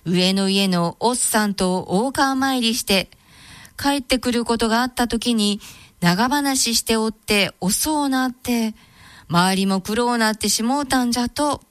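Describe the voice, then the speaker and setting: A woman narrating a folk tale in a Tango Kyoto dialect, with a steady, measured telling. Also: a little high, no room sound. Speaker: storyteller and co-host.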